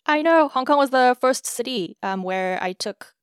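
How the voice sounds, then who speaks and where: The host, a young South African woman, sounds high-pitched with lively intonation and a clean tone in an echo-free studio recording. She takes questions during a casual sisterly conversation, reflecting carefully and using soft filler words.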